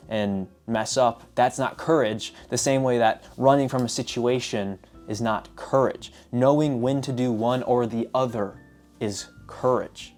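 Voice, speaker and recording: A man casually summarizing lessons from books, telling stories in an animated way with repeated filler phrases. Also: mid-range voice. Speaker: book reviewer. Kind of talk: casual book summary vlog.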